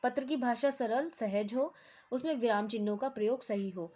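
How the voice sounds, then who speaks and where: A fairly high-voiced woman teaches schoolchildren in a patient, repetitive way. She keeps checking that they follow and slips English words into her Hindi. The recording sounds dull and lo-fi. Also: normal speed, dark tone. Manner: patient, repeats points with frequent "ठीक है" check-ins. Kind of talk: explaining a Hindi lesson to schoolchildren.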